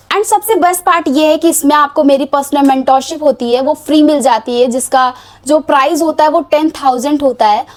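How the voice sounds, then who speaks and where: Young woman, high voice, persuasive pitch-style vlog delivery, repeats herself. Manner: persuasive, repetitive, mixes English words into Hindi. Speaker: online course promoter. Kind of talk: casual sales pitch to camera.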